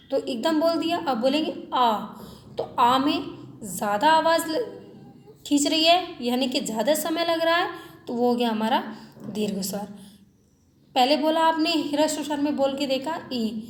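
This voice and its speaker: Woman teacher, high voice, roomy echo, patient question-and-answer explaining, drawn-out vowel examples. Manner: repeats questions and answers them, stretches vowels to demonstrate. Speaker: Hindi teacher. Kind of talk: classroom lesson on Hindi vowels. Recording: echoey room with faint noise.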